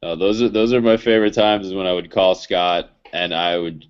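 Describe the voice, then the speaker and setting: A man's voice: sits low, level tone, a little fast, clean tone, lo-fi sound. A man co-hosting a casual podcast chat, joking and swearing freely. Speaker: podcast co-host.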